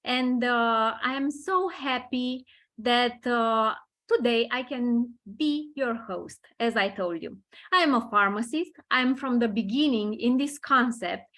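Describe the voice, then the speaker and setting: A Romanian woman hosting an online presentation over a video call, welcoming people slowly and repeating her words. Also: a little high, fairly bright tone. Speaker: webinar host.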